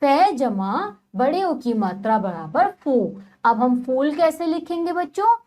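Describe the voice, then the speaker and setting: A woman teaches young children from a textbook. Her voice sits high and swings up and down a lot, and she sounds out each word slowly and patiently. She keeps turning to the class with questions. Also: big pitch swings, darkish tone. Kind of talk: primary-school Hindi lesson, reading from a textbook.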